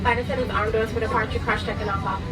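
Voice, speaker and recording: Lady flight attendant doing the cabin announcement over the plane speaker, formal, kinda high voice. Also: steady tone, very fast. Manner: formal scripted safety instructions.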